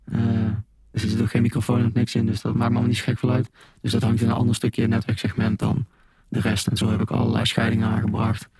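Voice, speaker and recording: Man's disguised voice, pitched deep. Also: completely flat delivery, fast, gravelly, darkish tone, breathy edge, dry recording, rough recording. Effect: voice disguised with a deep pitch shift. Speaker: government hacker interviewed anonymously. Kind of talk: interview answers, explaining plainly.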